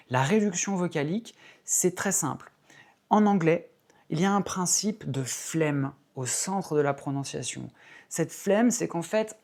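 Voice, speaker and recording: In a video lesson, a female English teacher explains patiently and clearly, repeating key words for emphasis. Her voice sits low with a darkish tone.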